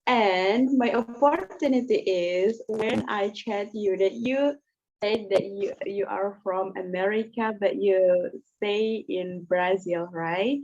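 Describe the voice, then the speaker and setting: Slow, careful woman learner on a call. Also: medium pitch, a little mellow. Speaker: student in an English conversation class. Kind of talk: casual video-call chat. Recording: muffled video-call audio.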